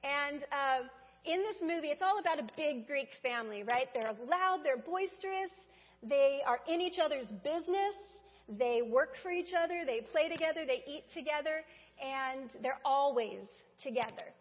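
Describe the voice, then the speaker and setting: An animated, high-pitched woman talks at normal speed while giving a conversational Mother's Day sermon addressed directly to the congregation. The church sanctuary setting gives a dull recording with a long reverb typical of a hall.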